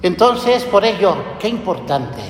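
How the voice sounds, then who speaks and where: A man preaches to his congregation in a high voice that is slightly hoarse. He speaks slowly, pausing often with small fillers. His words ring through a large echoing church. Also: very animated, a little hiss or hum. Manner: slow, measured preaching with pauses and fillers. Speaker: priest. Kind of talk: sermon. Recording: echoey church hall with faint ambience.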